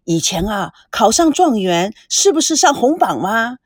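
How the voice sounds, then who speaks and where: A woman's voice: on the high side, sing-song, no echo, studio quality. A woman voicing a chatty, teasing woman on a film crew who likes to needle her friends. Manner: chatty and teasing, lots of drawn-out particles.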